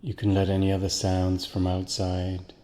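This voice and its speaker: A man guiding a listener through a slow, soothing hypnosis relaxation, counting down and repeating calming phrases. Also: deep voice, big-room sound. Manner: slow, soothing, repetitive induction. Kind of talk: guided hypnosis relaxation script.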